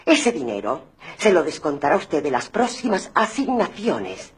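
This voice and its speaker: A woman's voice: sits low, very animated, unhurried, husky, full character voice. An actress playing a wealthy, imperious mother who scolds an employee on the phone and flirts coyly with a caller in a 1990s TV comedy. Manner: bossy on the phone, then coquettish.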